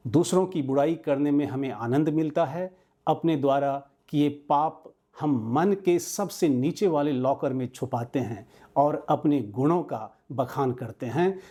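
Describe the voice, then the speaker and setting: Mellow, slow-speaking male host. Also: mid-range voice. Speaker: show host. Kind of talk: scripted narration.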